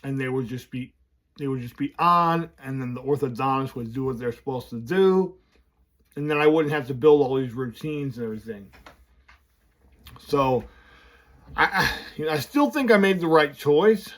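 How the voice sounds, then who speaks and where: A man's voice: medium pitch, animated, normal speed, a bit bright. A man talking casually to camera from his office in a vlog, candid and rambling, his speech slurred by new braces. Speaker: vlogger running a business.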